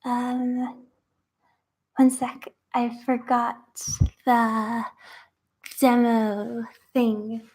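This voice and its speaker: High-voiced chatty young woman. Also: monotone, very slow, pauses often, darkish tone, slightly rough. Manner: chatty, rambling, many fillers. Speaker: crafter. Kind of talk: casual craft vlog.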